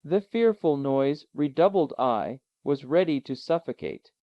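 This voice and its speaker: Male audiobook narrator, measured dramatic reading, dry sound, dull lo-fi quality. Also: fairly high pitch, expressive, no echo. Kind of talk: scripted narration of a classic novel.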